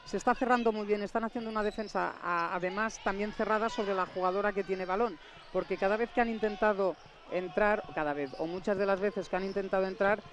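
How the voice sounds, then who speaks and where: A woman giving live basketball analysis as color commentator, thoughtful and halting, with many fillers. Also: mid-range voice, fairly even intonation.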